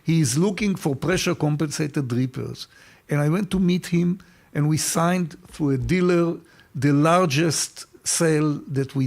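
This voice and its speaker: A man's voice: on the high side, vocal fry. An older man with an Israeli accent, an interview guest telling stories and often repeating words while he searches for them. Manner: warm anecdotal storytelling. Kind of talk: casual interview.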